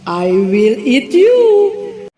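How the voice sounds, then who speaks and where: A woman voicing a greedy, cackling old witch who talks loudly and gloats. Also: very high voice, huge pitch swings, very slow, voice pushed up, full character voice. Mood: gloating.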